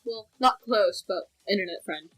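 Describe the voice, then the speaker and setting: A woman's voice: medium pitch, normal speed, a bit bright, husky, soft background music, low-quality recording. A young woman hosting a casual reaction chat with a friend, rambling, correcting herself and laughing as she goes. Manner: chatty and rambling, with sudden laughs and self-corrections. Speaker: video reactor, channel host.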